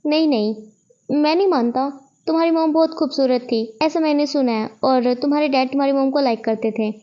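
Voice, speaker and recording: A woman's voice: high-pitched, fairly quick, dull audio, natural voice. A woman voicing a stubborn teenage schoolboy who insists while bickering with a friend. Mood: insistent.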